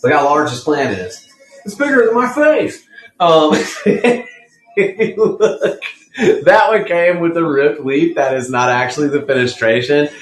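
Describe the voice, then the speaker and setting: A man's voice: measured pace, soft background music. Playful man selling plants live, echoey room. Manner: chatty and playful, laughs often, high excited jumps. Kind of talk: casual live-stream sales chat.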